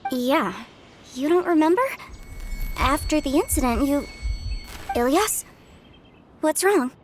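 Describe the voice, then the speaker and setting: A caring young sister in a video game. Her voice is high and animated, with a friendly, frank and protective way of talking. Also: takes it slowly, slight background noise. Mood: caring, chatty.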